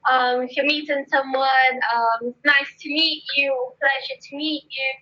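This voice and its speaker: A woman's voice: high-pitched, fairly even intonation, normal speed, sharp tone. A woman, an English teacher, chatting in an interview, bubbly and laughing often. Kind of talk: casual interview chat. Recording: dull lo-fi sound.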